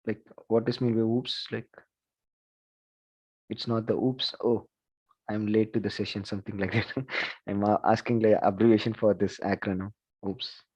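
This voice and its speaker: Guy teaching over a video call, mellow voice, kinda lo-fi audio, lots of "okay" and "like". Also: fairly low pitch, level tone, normal speed, husky. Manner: conversational, repeats "like" and "okay", asks the class questions. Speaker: lecturer. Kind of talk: online class lecture.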